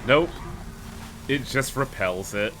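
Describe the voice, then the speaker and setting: A man's voice: mid-range voice, expressive, slow, background noise. A man giving casual, blunt, sweary commentary as he streams a game. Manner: profane, blunt.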